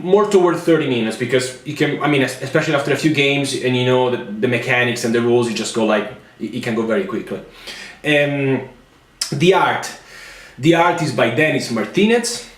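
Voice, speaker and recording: A man with an Italian accent hosting a playful, chatty board game review. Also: medium pitch. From Italy. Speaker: host. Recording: echoey room with music behind.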